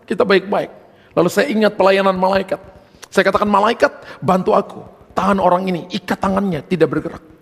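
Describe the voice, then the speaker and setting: Calling his listeners brothers, a high-voiced preacher with vocal fry tells his personal testimony emphatically and addresses the congregation head-on. The sermon echoes with long hall reverb.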